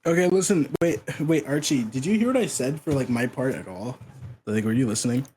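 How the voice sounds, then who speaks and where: A man's voice: medium pitch, animated, brisk, a little mellow, slight background noise. A young man in a casual online debate on a voice call, teasing and mocking the other side.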